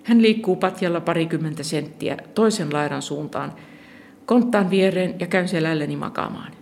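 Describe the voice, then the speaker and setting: A narrator reading a first-person literary story aloud in a calm, measured way. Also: mid-range voice, gravelly, a little hiss or hum. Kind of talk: scripted audiobook narration of literary fiction.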